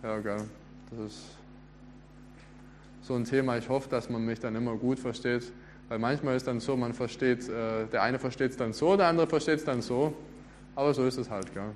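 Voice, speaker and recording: A man's voice: mid-range voice, steady tone, normal speed, a little hiss or hum. A middle-aged man, preaching a conversational sermon and asking the audience questions.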